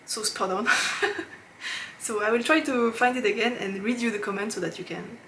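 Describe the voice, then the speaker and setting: A woman's voice: on the high side, normal speed, a bit bright, slight background noise. Chatty French-accented woman, laughing often. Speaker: knitting podcast host. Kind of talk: casual chat to camera.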